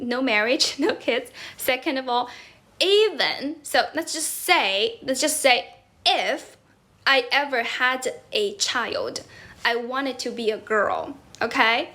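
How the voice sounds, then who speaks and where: A woman's voice: fairly high pitch, fairly bright tone, slight background noise. A young Chinese woman, a native speaker of Mandarin with a Chinese accent, chatting casually on a livestream as an English tutor. She is teasing and talkative, and switches languages mid-sentence. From China. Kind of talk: casual livestream chat answering comments. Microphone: phone.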